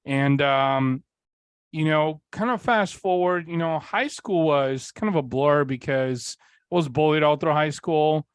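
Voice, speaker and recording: Smooth, unhurried and a little high, this man's voice comes through with studio quality and no echo. A Bulgarian-born guest in his forties, he tells his story on a podcast, rambling candidly with many fillers and occasional swearing.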